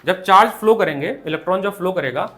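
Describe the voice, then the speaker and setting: A man's voice: high voice, quick pace, bright, forceful tone. A young man with an Indian accent teaching a physics class, asking questions and answering them himself. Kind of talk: classroom lecture. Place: classroom with students.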